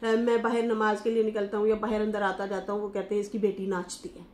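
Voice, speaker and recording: A woman talks through celebrity gossip in a loose, chatty way, stopping on fillers and restarting her words. Her voice sits at a middle pitch for a woman. The room around her gives the sound a roomy echo. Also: level tone, fast, a little mellow. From Pakistan. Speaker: YouTube commentator. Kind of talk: casual reaction commentary.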